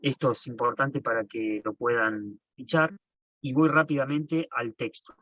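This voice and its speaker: A man's voice: mid-range voice, a little slow, pushed and bright, no echo. A man teaching an online class, explaining patiently and often restarting his phrases. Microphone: computer mic on a video call. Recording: dull, dry lo-fi call audio.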